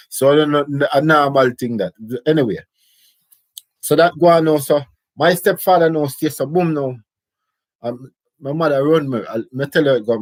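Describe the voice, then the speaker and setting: A man's voice: medium pitch, no echo. A middle-aged Jamaican man telling his life story in casual, rambling patois. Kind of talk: casual autobiographical chat.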